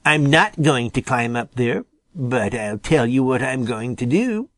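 An angry male skunk snaps out accusations, as a man puts him on. He swings his pitch widely and sounds close and dry. It is a storybook voice with a stubborn, grudging temper. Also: lively intonation, unhurried, no room sound, lightly acted. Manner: snapping, accusing.

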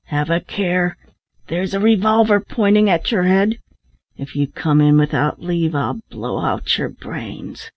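A woman plays a dying man who gave his whole life to gold, now reduced to a weak, hoarse whisper that flares into sharp, bitter outbursts. The recording is muffled and dry, with no room around the voice. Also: lowish voice, a little slow, no room sound.

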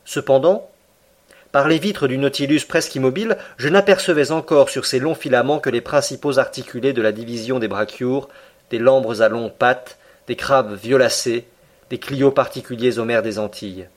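A man narrating a classic novel as an audiobook in a measured, even reading style. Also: medium pitch. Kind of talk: scripted literary narration.

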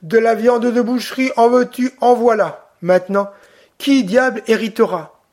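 A man's voice: very high-pitched, steady tone, normal speed, darkish tone, pitched above the performer's own voice. A man voicing a cheerful, mocking bandit in an audiobook reading. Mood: jovial. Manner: jovial, mocking.

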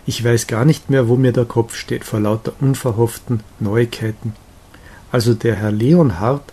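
A man reading the excited exclamations of a carefree young wanderer in an audiobook of a romantic novella. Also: medium pitch, normal speed, slightly rough, natural voice. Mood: eager. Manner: eager, exclaiming.

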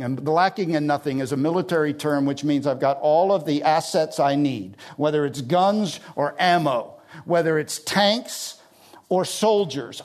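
A middle-aged man preaching an expository sermon, explaining Greek words and pressing his points with rising intensity. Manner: rises in pitch and intensity when urging. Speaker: pastor.

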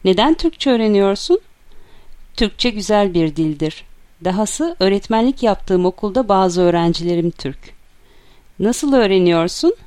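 A woman reads a scripted language-learning text in a dry, close recording. Her pitch moves in a lively way, and she keeps each sentence careful and clearly separated. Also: moderate pace, no room sound.

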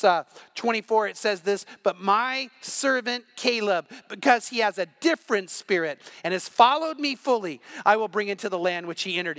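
A male pastor delivers a morning sermon with a strikingly high voice. His tone is bright and forceful, driving each point home with emphatic repetition. The sound is dry and close, with no room echo. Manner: energetic, emphatic preaching with repetitions.

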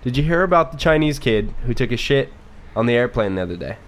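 A man's voice: medium pitch, expressive, quick pace. A man hosting a casual podcast chat, joking crudely and swearing often, his nose stuffy. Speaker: podcast host.

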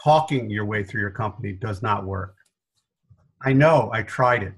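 On a podcast where he is the interview guest, a middle-aged business consultant from New York speaks in a low, husky voice at a moderate pace, with a faded New York accent. His storytelling is full of laughter and punchy asides.

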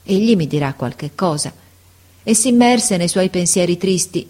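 A woman narrating a classic story as an audiobook, in a measured, sorrowful manner. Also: lowish voice, darkish tone.

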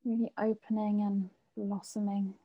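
A woman leading a guided meditation in a soothing sleep-story manner, with gentle, unhurried phrasing and long pauses. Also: medium pitch, flat delivery, narrow, tinny audio.

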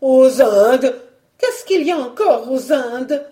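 A woman reading a storybook voices a hysterical, demanding rich baroness in a raised, shrill tone. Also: animated, takes it slowly, darkish tone.

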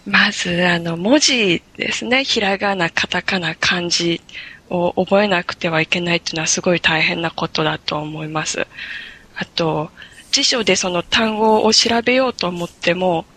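A woman guest in a conversational interview, explaining things in a relaxed way. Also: on the low side, moderate pace.

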